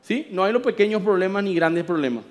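A pastor with a Paraguayan Spanish accent preaches a sermon, telling stories animatedly and acting out different voices. His voice is high and fairly quick, and the recording has a big-room sound.

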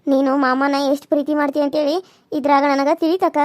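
An earnest young village woman, voiced by a woman in a cartoon serial, speaking with a North Karnataka accent. She coaxes and apologizes in a very high voice, recorded dry and close. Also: flat delivery, a little fast, a little mellow, no room sound, lightly acted. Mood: apologetic. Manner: coaxing, apologetic.

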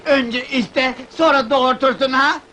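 An actor playing an excitable, whiny neighborhood grocer in a 1970s film. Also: male voice, extremely high pitch, measured pace, a little hiss or hum, heavily acted. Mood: pleading. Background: film score music.

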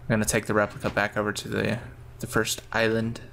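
A man's voice: lowish voice, completely flat delivery, a little fast, gravelly, a bit bright, slight background noise. A man giving casual gameplay commentary, thinking aloud in a rambling way. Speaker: gamer narrating his own play.

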